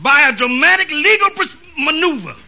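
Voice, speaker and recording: A squawky, very high-voiced shady lawyer. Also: male voice, normal speed, creaky, full character voice. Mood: boastful. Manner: theatrical, boastful, excitable. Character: brash, shifty comic lawyer, fast-talking and cocksure. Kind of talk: 1950s American radio sitcom acting. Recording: muffled old radio recording.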